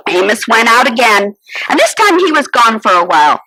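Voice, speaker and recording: A woman's voice: on the high side, sing-song, normal speed, background noise. Woman playing a kvetching innkeeper's wife. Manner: kvetching, theatrical, sighing and exclaiming. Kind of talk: first-person character monologue.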